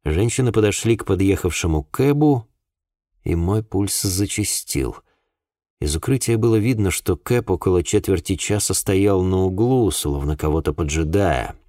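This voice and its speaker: Deep-voiced male audiobook narrator. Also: animated, normal speed, warm tone, no echo, clean studio sound. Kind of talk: scripted first-person narration.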